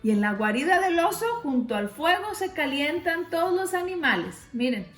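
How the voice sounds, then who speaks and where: A woman reading a picture book aloud to children, gently pointing them to the pictures. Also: high-pitched, big pitch swings, moderate pace. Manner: gentle, addresses kids, shows pictures. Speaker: storybook reader. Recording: roomy with faint music.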